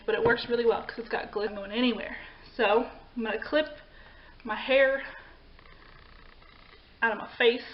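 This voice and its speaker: Young woman beauty vlogger, raised pitch, chatty and meandering, slightly muffled home recording with light hiss. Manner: chatty, rambling, frequent ums and self-corrections. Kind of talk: casual makeup tutorial chat.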